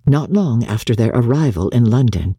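Narrating a classic novel with audiobook drama, this woman speaks in a husky bass, her delivery measured and expressive and her phrasing deliberate. The recording has no echo.

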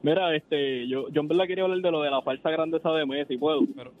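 A man's voice: on the high side, steady tone, fast, soft background music. A man from Puerto Rico with a Puerto Rican accent calling in to a radio show, eager to make his point. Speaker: caller. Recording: tinny phone line.

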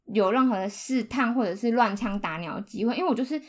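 A woman's voice: fairly high pitch, quick pace. A woman with a Taiwanese accent telling personal stories in a casual podcast chat.

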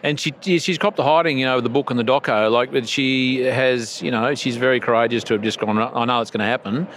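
Australian man, casual interviewer, blokey tradie manner, slangy, mid-pitched voice, faint outdoor noise. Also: steady tone, a little fast, a bit bright. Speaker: podcast host interviewing at a conference. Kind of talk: casual, joking interview chat. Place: outside area of a conference venue.

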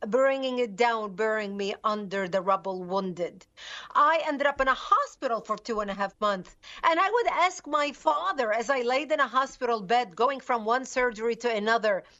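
A woman's voice: fairly high pitch, pushed and bright, dull audio. A woman from Lebanon, a guest in an interview, telling her story earnestly and with emphasis.

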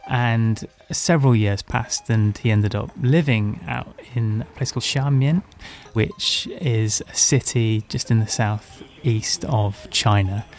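Young man raised in Hong Kong, low voice, candid self-mocking storyteller, faint music underneath. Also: slow pace. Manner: candid, self-mocking, lively when recalling. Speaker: podcast guest storyteller. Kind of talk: casual personal storytelling.

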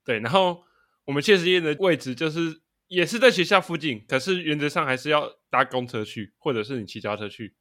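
A man's voice: on the high side, expressive, brisk, fairly bright tone. A young man, co-hosting a casual podcast and telling stories while laughing often. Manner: storytelling, laughing often mid-sentence. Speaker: podcast co-host. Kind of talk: casual chat.

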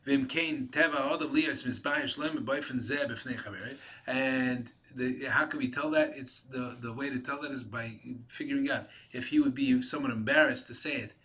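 Guy giving a torah class, reads with a yeshiva sound then translates, restarts a lot, bright voice. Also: mid-range voice, steady tone. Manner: halting, repeats and restarts words while translating. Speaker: Torah teacher. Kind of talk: reading a Hebrew text and translating it line by line.

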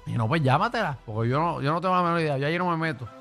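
Brief: lively Puerto Rican male co-host, joking banter, music underneath. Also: a little high, very fast. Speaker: radio co-host. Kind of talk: casual radio banter.

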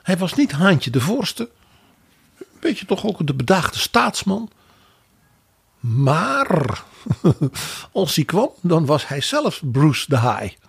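A man co-hosting a political podcast, giving wry, animated commentary. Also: a little high, slow, vocal fry, slightly rough, dry recording. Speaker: podcast co-host. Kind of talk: political analysis chat.

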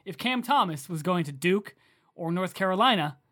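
A man co-hosting a casual sports podcast, chatty and relaxed, running through statistics with plenty of fillers. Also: sits high, normal speed. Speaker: podcast co-host.

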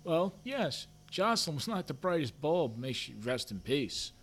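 A gossipy, defensive middle-aged office worker with a high, very lively voice that leaps about. He hedges every answer and sinks low on his asides, with a faint hum behind him. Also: measured pace. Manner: hedging, self-justifying, drops voice for asides.

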